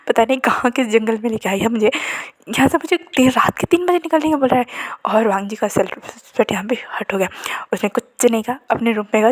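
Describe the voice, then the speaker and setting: A woman narrates a story casually, chatting along and often dropping into a hushed, whispery delivery. Her voice sits a little high with a husky, breathy grain.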